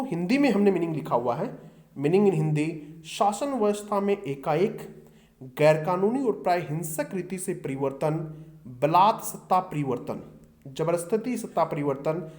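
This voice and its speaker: A man's voice: a little high, lively intonation, normal speed, a little mellow. A middle-aged man teaching exam vocabulary, often asking his students a question and then answering it himself. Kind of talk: exam-prep vocabulary lesson.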